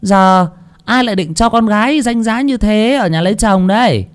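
A man's voice: high voice, normal speed, clear, resonant tone, pitched above the performer's own voice, close to an everyday voice. A man voicing a lazy, cheeky teenage girl who answers back with a whiny pout. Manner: whiny, pouting talk-back.

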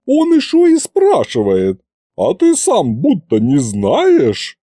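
A man doing a loud folksy old auntie. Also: high voice, huge pitch swings, slow, no echo, clean studio sound, voice pushed up, full character voice. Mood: indignant. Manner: shouting, folksy dialect speech. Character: loud brash older woman, folksy and indignant.

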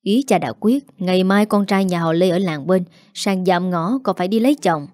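A woman's voice: fairly low pitch, normal speed, a little mellow, dry recording, clean studio sound, lightly acted. A woman reading a scornful rich old village father. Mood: scolding.

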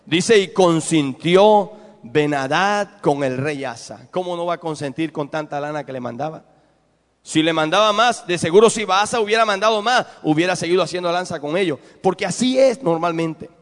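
High-voiced Mexican pastor preaching in a church hall. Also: male voice, moderate pace. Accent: Mexican Spanish. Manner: preaching with rhetorical questions to the congregation. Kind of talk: sermon.

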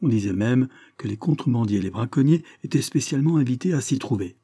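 A man reading a novel aloud in a steady, measured narration. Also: medium pitch, slightly rough, dry recording, studio quality. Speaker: audiobook reader. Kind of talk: literary narration.

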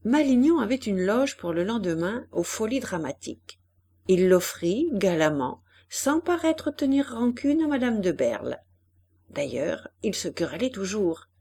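Female audiobook reader, expressive, acts out characters, lively delivery. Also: on the high side, measured pace. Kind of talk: audiobook narration.

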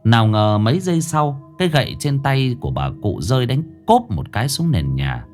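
A man narrating a ghost story in a dramatic, expressive reading. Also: mid-range voice, a little fast, faint music behind. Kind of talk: scripted horror narration.

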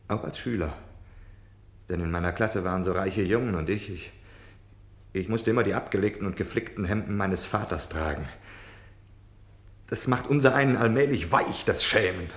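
In a German radio play, a man voices a defensive, self-pitying Nazi official home on wartime leave, justifying himself as he swings between subdued confession and indignant outbursts. His voice is low-pitched and the room is echoey.

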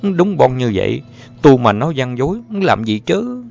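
A man's voice: mid-range voice, sing-song, normal speed, gravelly, a little mellow, pitched above the performer's own voice. A man voicing a blunt, wry young man in an audiobook, grumbling. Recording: muffled with faint music.

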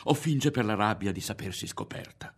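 A man's voice: fairly low pitch, expressive, moderate pace, breathy edge. A man reading aloud, voicing a troubled adolescent son who questions himself under his breath. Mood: tense.

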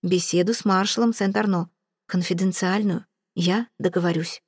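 A cool, reserved young nobleman in uniform, read by a woman in an audiobook. He speaks in short, measured, cold sentences at a middling pitch, and the recording is dry and close. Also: fairly even intonation, breathy edge, no room sound. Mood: confiding. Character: cool, reserved young male aristocrat officer. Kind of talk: audiobook character reading.

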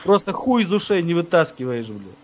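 Taunting prank caller on a lo-fi line. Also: male voice, fairly high pitch, very animated, brisk, noisy background. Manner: taunting, crude, mocking, laughs at his own insults. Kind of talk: abusive prank phone call. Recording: dull lo-fi phone audio.

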